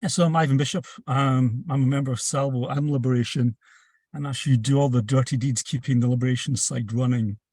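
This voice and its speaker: A man with a husky edge to his medium-pitched voice explains his cause as a panel guest. He is emphatic and plain-spoken, recorded close and dry. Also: steady tone, a little fast, a little mellow, no room sound. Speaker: campaign activist, panel guest. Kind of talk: explanatory interview talk.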